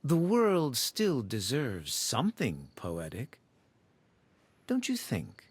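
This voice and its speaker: A man's voice: medium pitch, wildly swooping pitch, slow, breathy edge, dry recording, full character voice. An actor voicing a pompous, poetic male scholar in a video game, speaking formally and theatrically. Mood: smug, playful. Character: pompous, well-dressed male scholar fond of riddles.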